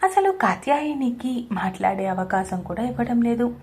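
A woman narrating a scripted audio story in a fairly high voice. Her reading is steady and expressive. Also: normal speed.

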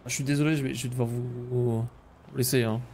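Man playing hesitant, flat-toned medic. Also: mid-range voice, quick pace, a little hiss or hum, natural voice. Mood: concerned, apologetic. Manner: hesitant, repeating words. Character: apologetic, hesitant male medic passer-by. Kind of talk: improvised online game role-play.

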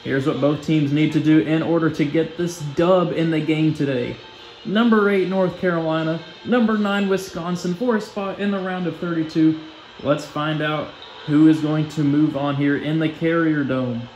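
Young man, casual play-by-play commentary, clipped phrases, high voice, echoey room. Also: moderate pace, a little mellow, faint music behind. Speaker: youtuber commentating a game simulation.

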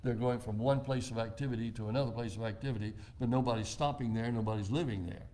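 Older pastor preaching slowly and deliberately. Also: male voice, medium pitch, warm tone. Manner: measured, deliberate preaching with slow emphatic phrases. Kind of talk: sermon. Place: church.

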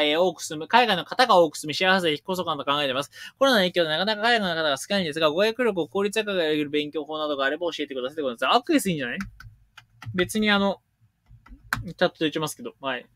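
Male stream host, fast-talking, blunt and jokey, bouncy pitch, dry close mic. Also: no room sound. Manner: rapid-fire, animated, blunt and joking. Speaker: livestream host answering viewer questions. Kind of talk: casual livestream Q&A, reading and answering chat questions.

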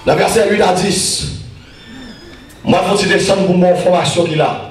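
Haitian guy preaching, very high voice, shouty and repeats himself a lot, sounds far from the mic. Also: a little slow, faint music behind. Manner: shouting often, repeating phrases. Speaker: evangelist. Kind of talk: preaching a sermon. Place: church sanctuary. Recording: echoey church hall from far off.

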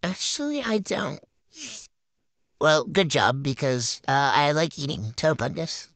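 For a game video, a woman voices characters in playful, improvised banter, giggly, silly and boastful, packed with teen slang. Her voice is deep with lively intonation and a slightly slow pace, and there's no echo.

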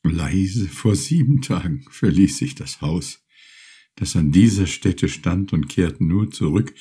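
A man's voice: deep voice, animated, takes it slowly, mellow, husky, exaggerated voice. A man voicing a lost, despairing young male fisherman who speaks in a raised, pleading voice.

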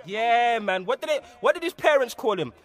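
A man, loudly mocking rivals in a diss skit with stammering repeats. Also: very high-pitched, animated, moderate pace. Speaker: rapper.

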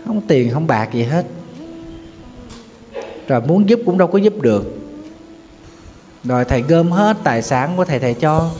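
A Buddhist monk with a Southern Vietnamese accent, giving a sorrowful storytelling sermon and now and then chanting folk verses. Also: male voice, on the high side, expressive, normal speed, pauses often, warm tone. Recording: long hall reverb with faint music.

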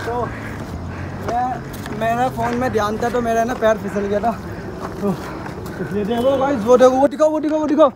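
A young man vlogging outdoors while climbing a rocky hill, talking fast and joking, out of breath. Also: very high-pitched. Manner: fast, excitable, joking banter. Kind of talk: casual outdoor vlog. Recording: outdoor phone audio with background noise.

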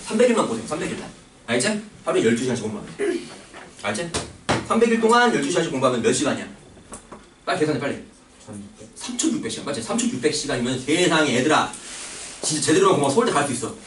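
A man lectures a class with a slightly high, wildly swinging voice, teasing and swearing casually as he checks whether the students are following. He is picked up from across a reverberant room. A steady noise hangs under the whole recording. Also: racing, recorded from a distance. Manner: joking, coarse slang, keeps asking for agreement. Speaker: math teacher.

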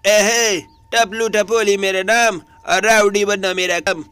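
A man's voice: high-pitched, steady tone, measured pace, a bit bright, clean tone, dry recording. A man voicing a swaggering street tough who talks in Bombay street slang.

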